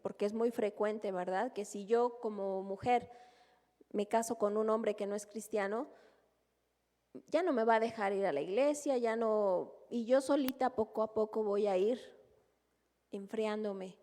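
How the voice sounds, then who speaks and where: A woman's voice: medium pitch, a little slow, mellow. A Mexican woman teaching a women's church group in a conversational way, often asking the listeners to agree. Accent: Mexican Spanish. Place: church hall. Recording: long hall reverb.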